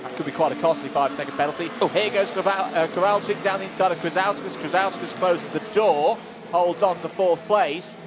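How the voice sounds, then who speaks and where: A man's voice: high-pitched, a little fast. A man giving live motorsport commentary from a trackside box, conversational and closely following the action. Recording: clear background track and engine noise. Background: outdoor race track ambience with vehicles.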